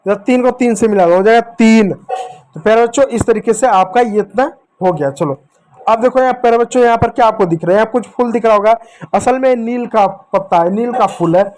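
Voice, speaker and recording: A man teaching children to read, slowly sounding out letters and syllables and coaxing them to repeat after him. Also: high-pitched, a little mellow, slight background noise. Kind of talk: children's reading lesson.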